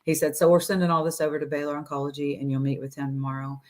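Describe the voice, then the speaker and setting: A woman's voice: low voice, steady tone, very fast, a little mellow. A woman in her forties, a guest on a video call interview, telling her story casually and acting out what her doctors said, with laughs between phrases. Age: 40s. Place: room at home.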